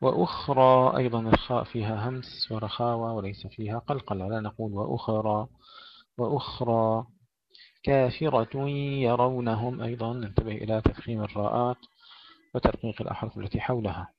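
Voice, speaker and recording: A man's voice: mid-range voice, steady tone, quick pace. Man, recitation teacher, careful explanations, repeats words to show sounds, dull lo-fi recording. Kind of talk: tajweed lesson, explaining pronunciation.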